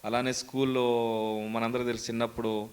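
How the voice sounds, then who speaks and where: A man telling his story as a mimicry artist in an interview. He sounds earnest and reflective, with a steady, measured delivery at a mid pitch. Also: smooth.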